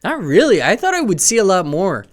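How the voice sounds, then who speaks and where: A man co-hosting a podcast, chatting casually about a movie, swearing and acting out lines in high voices. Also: huge pitch swings, a little fast. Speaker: podcast co-host.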